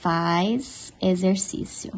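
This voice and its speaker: A young adult woman from Brazil, a native Portuguese speaker, teaching an online English lesson in a patient, encouraging way and slipping into slow classroom English. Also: on the low side, rough recording.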